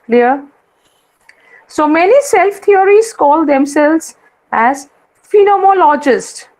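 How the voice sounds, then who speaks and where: Woman, Indian English accent, high voice, lecturer, repeats herself, checks understanding. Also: animated, takes it slowly, a little mellow, rough recording. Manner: repeats points and checks with students. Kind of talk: online class lecture.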